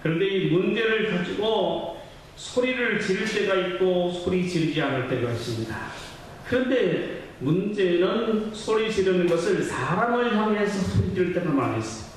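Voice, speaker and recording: Fervent male preacher, fairly high voice, rises into near-chanted shouts, church hall with heavy echo, picked up from a distance. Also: slight background noise. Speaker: pastor. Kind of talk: sermon. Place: church sanctuary. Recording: very echoey church hall, mic far off.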